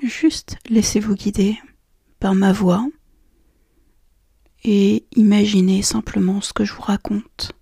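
A woman guiding a relaxation and meditation session in a soft, slow, half-whispered voice. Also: mid-range voice, level tone, vocal fry, slightly rough, dry recording, clean studio sound. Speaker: relaxation guide. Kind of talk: guided meditation.

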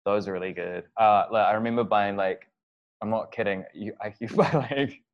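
A man's voice: lowish voice, moderate pace. A man telling a travel story casually, rambling with lots of fillers and restarts. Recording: dull lo-fi audio.

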